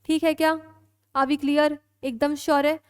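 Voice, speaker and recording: A woman's voice: high-pitched, little pitch movement, measured pace, no room sound, studio quality. A woman teaching law in a classroom lecture with an Indian accent, mixing Hindi and English and often checking that students follow.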